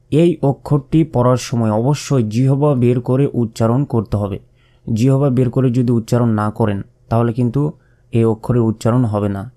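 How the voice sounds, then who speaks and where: Dark in tone and medium in pitch, a man's voice carries a slow, step-by-step lesson on Arabic letters. He draws out every sound and repeats it, patiently explaining as he goes.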